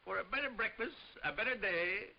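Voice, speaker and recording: High swoopy excitable cowboy sidekick, jolly, 50s tv ad, muffled. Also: male voice, a little fast, vocal fry. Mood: jolly, eager. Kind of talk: 1950s TV commercial acting. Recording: muffled old TV soundtrack.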